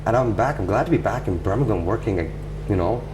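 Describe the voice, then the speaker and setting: A man's voice: fairly low pitch, animated, quick pace. A man with a Toronto Canadian accent telling his story casually and a little hesitantly as an interview guest. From Toronto, Canada, from age ten, born in England. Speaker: interview guest, music video director. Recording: loud background noise with hum.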